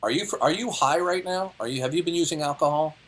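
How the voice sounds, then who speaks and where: A debate caller in his late fifties argues in a heated debate, lecturing and interrupting condescendingly. His voice is fairly high and his pace is quick.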